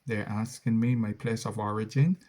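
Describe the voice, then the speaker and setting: A middle-aged Barbadian man, a content creator, rambles through viewer questions in a casual Q&A monologue, often correcting himself. His voice sits fairly low with a steady, dark tone, and he talks at a moderate pace.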